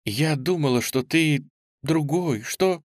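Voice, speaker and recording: A man's voice: on the high side, slow pace, no echo, voice pushed up. A man voicing a proud, hot-tempered young woman cook who speaks sharply and indignantly, close to tears. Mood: hurt.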